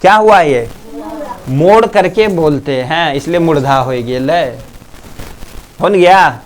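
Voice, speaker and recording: Here a man with a Bihari accent teaches Hindi pronunciation, patiently drilling letter sounds and frequently quizzing the class. His fairly high voice is animated, with slight background noise.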